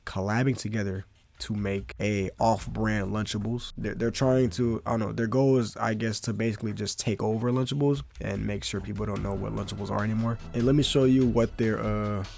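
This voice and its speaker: A man's voice: on the low side, steady tone, fairly quick, gravelly, a little mellow. A young man giving casual, rambling commentary full of slang, calling everyone "bro". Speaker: commentary YouTuber.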